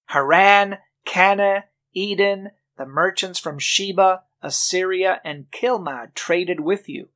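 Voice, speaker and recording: A man reading scripture aloud in a measured, scripted way, pausing through long lists. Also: a little high, vocal fry, a bit bright. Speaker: scripture reader.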